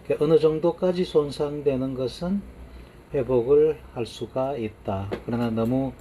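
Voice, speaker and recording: A man giving an unhurried lecture, often stopping to affirm himself while he points things out on his slides. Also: mid-range voice, warm tone, slight background noise. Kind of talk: lecture on brain science.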